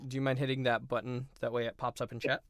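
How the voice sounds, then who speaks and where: A man's voice: medium pitch, crowd noise. A man running a tabletop role-playing game as game master, narrating actions with many filler ums. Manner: relaxed, many filler ums, quick rules talk.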